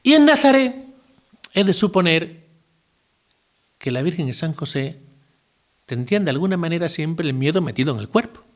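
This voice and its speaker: A man, giving a relaxed retreat talk as a priest, asking his listeners questions and adding asides. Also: on the high side, moderate pace, long pauses. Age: 50s. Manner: conversational, asks listeners rhetorical questions, adds asides and jokes.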